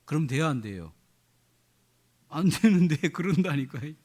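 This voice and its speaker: A man's voice: on the high side, lively intonation, normal speed, darkish tone. A man preaching a sermon as a pastor. He acts out quoted prayers and keeps asking the congregation questions.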